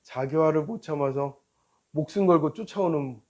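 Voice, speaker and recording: A male pastor giving a sermon, telling a road-rage story in an animated way and acting out both drivers. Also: a little high, moderate pace.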